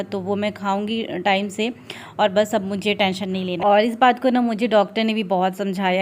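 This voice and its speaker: A young woman with an Indian accent narrating her daily vlog in a casual, soft-spoken and tired way, with frequent fillers. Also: mid-range voice. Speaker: vlogger.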